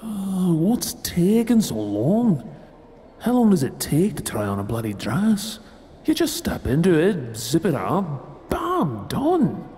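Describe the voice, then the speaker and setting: A man's voice: high-pitched, wildly swooping pitch, slow pace, mellow, exaggerated voice. A man playing a reluctant young boyfriend in an audio role-play, grumbling in a wry, exasperated way.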